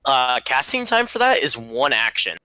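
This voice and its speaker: A man's voice: medium pitch, very animated, moderate pace, bright, forceful tone, clear, resonant tone, dry recording, low-quality recording. A man playing a tabletop game, jokey and punchy in casual table talk. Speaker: player.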